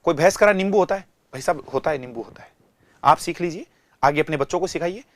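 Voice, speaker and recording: A man with an Indian accent teaching an online language lesson in a lively, teasing, mock-exasperated way. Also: fairly high pitch, fast talker, dry recording.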